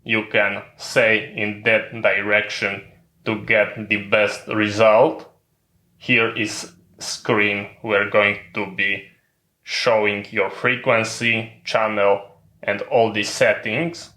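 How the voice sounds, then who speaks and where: Speaking slowly in a lowish, sharp-toned voice with little pitch movement, a man demonstrates equipment hands-on. His instruction is methodical and stepwise, phrased in non-native English. Echo from a roomy space colors the sound.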